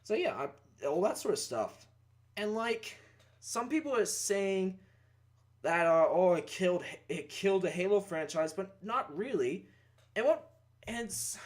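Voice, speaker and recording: A young man giving a rambling, casual opinion rant about a video game, swearing and breaking into outbursts. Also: high voice. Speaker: gaming YouTuber.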